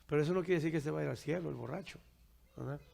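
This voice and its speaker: A male pastor preaches and answers his congregation's questions. His voice is heavily gravelly and sits high for a man. He keeps tagging his points with "right?", and the sound rings through a reverberant church hall. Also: fast talker, darkish tone. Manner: keeps asking "¿verdad?" and addresses listeners as brother.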